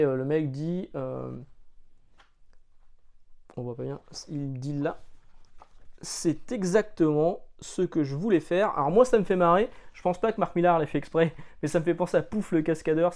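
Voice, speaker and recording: A man's voice: fairly high pitch, fairly even intonation, brisk, darkish tone. A man from France talking casually about comics, chatty and jokey, with lots of hesitant fillers. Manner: jokey, loose slang. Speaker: comics reviewer.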